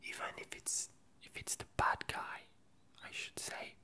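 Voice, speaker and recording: Casual ASMR talk, all breathy unvoiced whisper, wanders and halts with frequent corrections along the way. The sound is pushed and bright.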